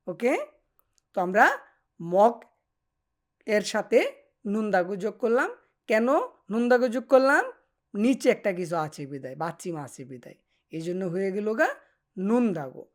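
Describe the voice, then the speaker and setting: A woman teaching Korean grammar, patiently repeating example phrases slowly. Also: mid-range voice. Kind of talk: explaining grammar to Bengali speakers.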